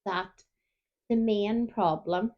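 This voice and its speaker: A woman's voice: medium pitch, takes it slowly, muffled recording. A woman, co-hosting a casual chat show and telling stories while yawning often. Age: 30s. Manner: chatty storyteller, keeps yawning. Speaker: podcast co-host.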